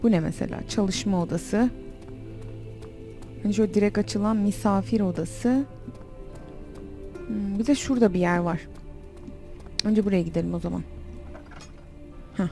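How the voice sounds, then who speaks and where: This let's play features a young woman on facecam working through a horror game, her medium-pitched voice gravelly and mellow at a moderate pace with frequent pauses. Faint music sits underneath her desk-mic audio. She talks to herself, startles easily and lets out shrieks when scared.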